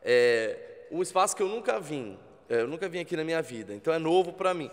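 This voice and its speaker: A man with a Brazilian Portuguese accent, a TV presenter guesting on a podcast, explaining in a calm, coaching way. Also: on the high side, brisk, big-room sound. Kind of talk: casual interview talk. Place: podcast studio with spotlights.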